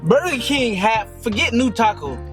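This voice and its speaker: Playful man vlog co-host with a very animated pitch, jokes and shouts, music playing behind. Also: moderate pace. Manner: joking, with loud playful exclamations. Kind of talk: casual mukbang chat.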